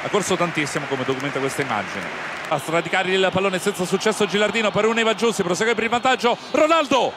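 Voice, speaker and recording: Breathless high-pitched male football commentator. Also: background noise. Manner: breathless, excitable, drawn-out shouts on shots and goals. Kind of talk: live play-by-play football commentary. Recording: broadcast mix with very loud stadium crowd. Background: roaring stadium crowd.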